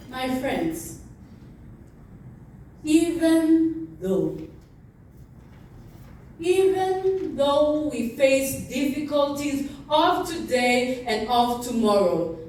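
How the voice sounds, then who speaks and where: A woman giving an impassioned, oratorical recitation of a famous speech, with deliberate pauses and repetition. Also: sits high, warm tone, a little hiss or hum. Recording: very echoey, distant from the mic.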